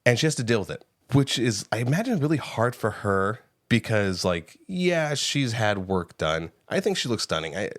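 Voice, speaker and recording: A man co-hosting a podcast, giving a casual, animated movie review with frequent swearing and laughter, close on the mic. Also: medium pitch, normal speed, few pauses, dry recording. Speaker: podcast co-host. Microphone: close studio mic.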